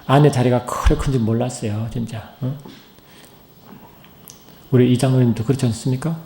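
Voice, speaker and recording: A man's voice: steady tone, moderate pace, a little hiss or hum. Middle-aged pastor man in an echoey church. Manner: swings from loud high rising calls to low hushed asides; asks the congregation many questions. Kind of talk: sermon. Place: church sanctuary. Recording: roomy church echo.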